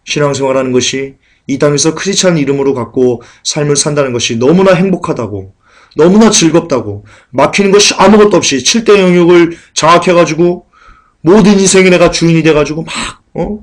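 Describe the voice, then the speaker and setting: A man preaching a sermon in dramatic style, acting out mocking crowds and loud shouted warnings. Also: on the high side, brisk. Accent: Korean.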